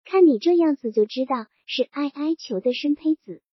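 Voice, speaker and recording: A woman's voice: a little high, expressive, normal speed, husky, no room sound. A woman voicing a domineering, toothless old grandmother who talks in a coarse, blunt, scolding way. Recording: dull lo-fi recording.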